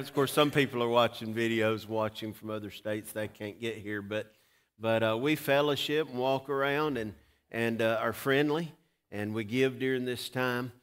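A man's voice: mid-range voice, a bit bright. Folksy Southern preacher man. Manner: folksy, halting, exhorting. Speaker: pastor. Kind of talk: informal Southern preacher addressing congregation. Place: large church sanctuary, at the pulpit.

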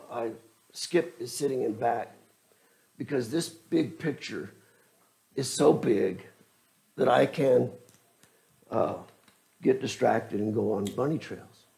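Older man at a church lectern, gravelly and dark-toned, unhurried, halting, nervous. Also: mid-range voice. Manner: halting, self-deprecating, frequent restarts and fillers. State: trembling with nerves. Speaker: church elder preaching. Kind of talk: sermon. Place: small church, indoors. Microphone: lectern microphone.

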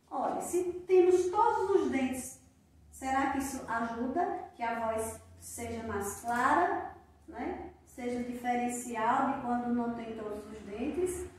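A Brazilian woman teacher speaks in a high voice, slowly and patiently sounding out syllables for young children. The sound is very echoey. She is recorded from a distance. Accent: Brazilian Portuguese. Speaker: primary school teacher.

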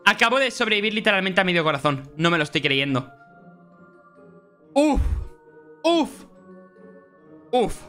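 A young man with a high, bright voice talks fast through a video game, addressing his viewers as if they were right beside him. He often tips into panicky shouting when things go wrong. Faint game music plays behind him. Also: smooth. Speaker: gaming YouTuber. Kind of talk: excited gameplay commentary.

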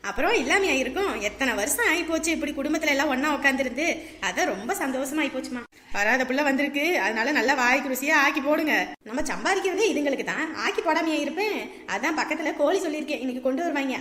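A woman's voice: sits high, sharp tone, roomy sound, in a large hall. A woman playing an outspoken elderly village grandmother in a comedy skit, scolding and protective with emphatic calls. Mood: chatty.

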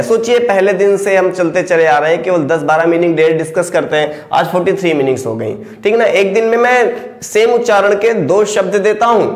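A man's voice: sits high, echoey room. A man with an Indian accent teaching English vocabulary in Hindi, spelling each word out letter by letter and calling his students "beta". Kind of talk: classroom-style vocabulary lesson.

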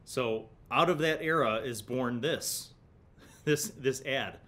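In a small indoor home studio, a middle-aged man hosting a gaming review series leafs through a magazine, reading bits aloud and thinking aloud in casual conversation. He takes it slowly in a bright, forceful tone, recorded on a desk condenser mic in front of him with a clear low rumble in the background.

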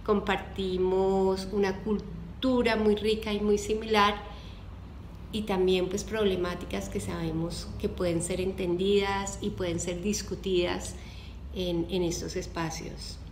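A woman in her forties gives a testimonial in a mid-pitched voice. The room is clearly echoey, with faint noise. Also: level tone, measured pace, a little mellow. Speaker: film director. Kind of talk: interview testimonial. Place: living room with hard walls.

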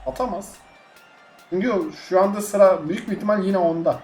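A young man giving live gameplay commentary, exasperated and swinging between loud outbursts and low grumbling. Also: fairly quick. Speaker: gaming streamer. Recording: echoey room with game music behind.

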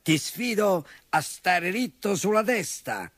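A man voicing a boastful, lazy and dim-witted bull in a storybook, bragging loudly in rhymes. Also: sits high, very animated, slow, no room sound, studio quality, pitched above the performer's own voice, heavily acted. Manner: loud bragging sing-song rhymes.

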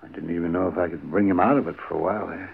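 An American actor playing a plain-spoken, caring frontier town doctor in a 1950s radio western. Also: male voice, low-pitched, steady tone, racing, vocal fry, husky, exaggerated voice. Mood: troubled. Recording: tinny, noisy 1950s radio recording.

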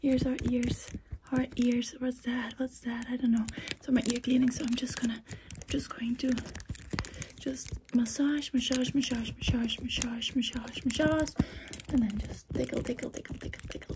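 A young woman doing fast, aggressive ASMR whispered role-play, mostly whispering with bursts of soft voice and repeating short words rapidly. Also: fairly high pitch. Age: young adult. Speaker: ASMR performer. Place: small indoor room with acoustic foam panels. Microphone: held or very close microphone. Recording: close noisy mic with handling clicks.

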